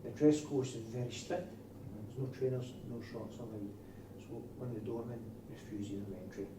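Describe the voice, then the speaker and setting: Here a broad-accented trainer from Scotland puts questions to his door supervisor trainees at a moderate pace and medium pitch. Recorded from a distance, the room echoes and a little noise lingers.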